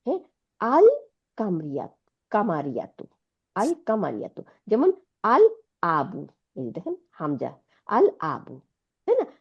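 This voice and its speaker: A woman's voice: a little high, huge pitch swings, a little slow, long pauses, breathy edge, dull audio. A woman teaching an Arabic lesson, patiently explaining and asking her students checking questions. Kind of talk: online Quranic Arabic lesson.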